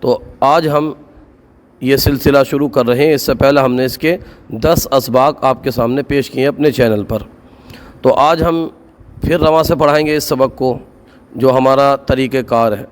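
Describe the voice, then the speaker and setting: Male teacher, very unhurried syllable drills, reverby room. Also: mid-range voice. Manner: patient, drills syllables aloud in measured repetition. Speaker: Quran recitation teacher. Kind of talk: slow instructional recitation lesson.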